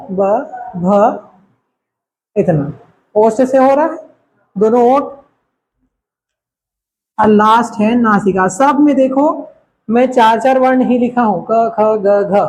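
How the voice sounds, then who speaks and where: Slow, patient male language teacher. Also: sits high, low-quality recording. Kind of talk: classroom lesson.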